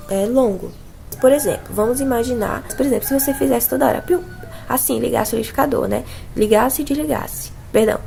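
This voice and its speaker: Gravelly Brazilian woman teaching music. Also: on the high side, a little mellow, a little hiss or hum. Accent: Brazilian Portuguese. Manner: explains patiently, sings and imitates sounds to demonstrate. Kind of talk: casual online music theory lesson.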